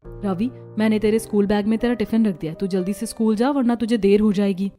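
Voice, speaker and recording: A woman voicing a timid young woman in love, speaking softly and with worry, in a cartoon story. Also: medium pitch, quick pace, soft background music, natural voice. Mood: caring. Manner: soft, worried and hushed.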